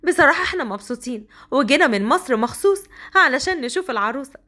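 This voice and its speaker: A woman's voice: high-pitched, expressive, fast, bright, forceful tone. A woman voicing a chatty visiting aunt, gushing with praise.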